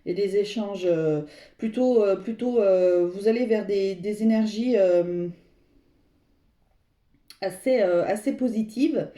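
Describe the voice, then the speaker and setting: Warm and mid-range, the tarot reader's voice is unhurried and full of pauses. She reads the cards for her viewers, talking to them directly while meandering and hunting for words, with a roomy echo around her.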